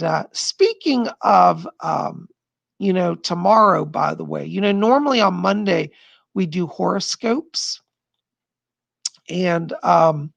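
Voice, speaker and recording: This is a middle-aged man, a psychic host, casually chatting from home on a live stream as he reads viewer comments, rambling and frequently laughing. His high voice has vocal fry and a fairly bright tone, and it sounds strained and tired, as though he's losing it. The recording is dry.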